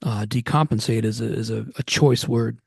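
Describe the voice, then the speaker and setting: A man's voice: mid-range voice, fairly even intonation, normal speed, creaky. A man from Massachusetts chatting casually on a video call at an online poetry gathering, rambling with many restarts. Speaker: poetry reading attendee. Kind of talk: casual chat.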